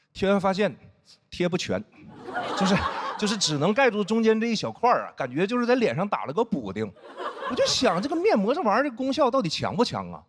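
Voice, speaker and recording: A man performing a stand-up comedy set on stage, animated and acting out other people's voices. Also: high-pitched. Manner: animated, acts out friends' teasing voices. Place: stage before a live audience. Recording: noisy live show audio. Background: audience laughter.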